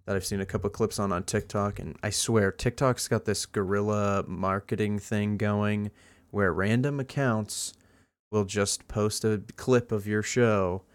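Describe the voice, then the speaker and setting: Male podcast co-host, slightly low voice, rambling enthusiastic casual chat. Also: fairly even intonation, a little slow. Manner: rambling, enthusiastic, many fillers.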